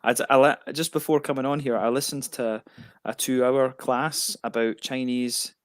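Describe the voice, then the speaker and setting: A man co-hosting a casual beer review livestream jokes around, laughs often and reads out viewer comments, though he sounds tired. His voice is medium-pitched and steady at a moderate pace, captured with clean studio sound and no echo.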